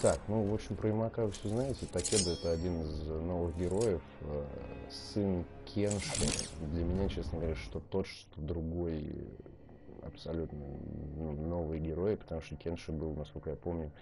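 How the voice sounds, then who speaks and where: Deep-voiced man streaming a game. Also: fairly even intonation, normal speed, creaky, background noise. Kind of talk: casual live game stream chat. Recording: voice under loud game music. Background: loud fighting game sound.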